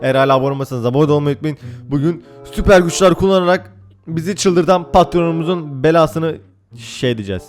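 A young man giving casual, excitable gameplay commentary, swearing and laughing often. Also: a little high, a little fast, faint music behind. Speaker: gaming YouTuber.

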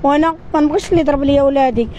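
Moroccan woman talking super fast on the street, high pitched, keeps restarting, upset. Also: steady tone, warm tone, a little hiss or hum. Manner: agitated, fast, halting restarts. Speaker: interviewee, tissue seller. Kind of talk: street interview. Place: outdoors on a city street.

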